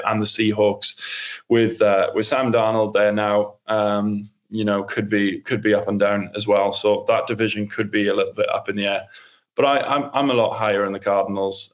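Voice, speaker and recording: Low-voiced man talking football casually. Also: dull audio. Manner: rambling, filler-heavy, many restarts. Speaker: co-host. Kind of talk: casual sports podcast chat.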